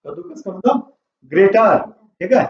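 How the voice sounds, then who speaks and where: A man's voice: high voice, animated, normal speed. Man teaching vocabulary in a roomy classroom. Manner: quizzing and repeating answers. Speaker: English teacher. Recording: roomy, distant, dull classroom audio.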